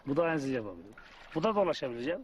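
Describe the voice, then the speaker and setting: A man who heads the family, talking in a relaxed, dismissive way. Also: mid-range voice, very fast. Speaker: head of the family. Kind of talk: casual conversation. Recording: distant, noisy recording.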